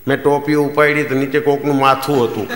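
A man's voice: mid-range voice, flat delivery, fairly quick, background noise. A man from Jamnagar with a Kathiawadi Gujarati accent, telling jokes on stage in a folksy storytelling manner and acting out the dialogue. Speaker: stand-up comedian. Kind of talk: stand-up joke telling. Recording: echoey hall, live stage.

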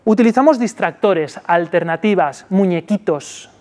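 A man with a Spanish accent giving a live workshop talk on child tantrums, checking in often with a quick "¿vale?". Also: animated, darkish tone, big-room sound. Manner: peppers sentences with "¿vale?"; acts out soothing talk to a child in a high voice. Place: conference room.

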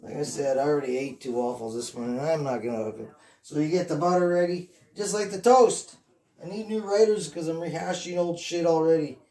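A man's voice: a little high, a little fast, mellow. A man in his fifties rambling casually to camera as host of a home cooking vlog, giggly and tipsy, goofy and sweary, repeating himself, recorded on a phone in a kitchen. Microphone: phone, handheld then propped nearby.

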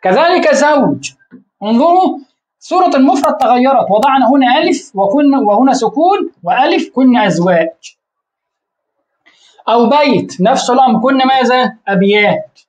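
A woman's voice: fairly high pitch, darkish tone, low-quality recording. Woman teaching grammar with quiz-style questions. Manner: quizzes listeners with rhetorical questions and drawn-out words; repeats words while searching, with short restarts. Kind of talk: classroom-style grammar lesson.

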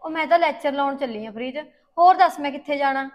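A woman's voice: high voice, fast talker, dry recording, muffled recording, natural voice. A young woman in a short film playing a worried, earnest college student. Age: young adult.

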